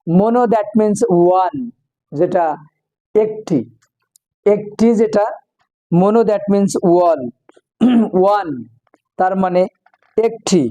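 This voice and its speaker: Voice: mid-range voice, extremely slow, long pauses, warm tone, highs cut off. A teacher giving a recorded English lesson. The teacher repeats each word several times and breaks words into their parts. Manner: switches between English and Bengali explanations.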